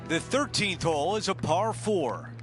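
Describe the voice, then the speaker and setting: A golf commentator in a video game, measured play by play, highish voice, music behind. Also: male voice, sing-song. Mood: measured, approving.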